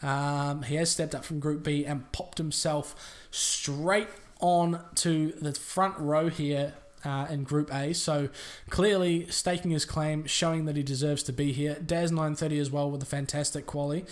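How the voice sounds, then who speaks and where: A man with a New Zealand accent commentating a sim racing stream in a chatty, relaxed way with lots of fillers. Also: fairly high pitch, a little slow. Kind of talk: live race commentary.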